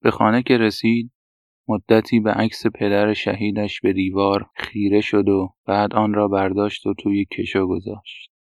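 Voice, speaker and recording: Brief: man reading narration, quiet and even, gravelly tone, close dry sound. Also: lowish voice, no room sound. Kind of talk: scripted storybook narration. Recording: dull, dry lo-fi recording.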